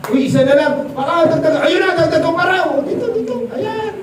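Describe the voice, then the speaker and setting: An animated male preacher with a high voice, quizzing his audience as he tells the story. His sermon booms around an echoey hall, caught from a distance by the mic. Steady background noise runs underneath. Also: a little fast. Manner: animated, quizzes the crowd, mixes English. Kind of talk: lively sermon with audience questions. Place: church event hall.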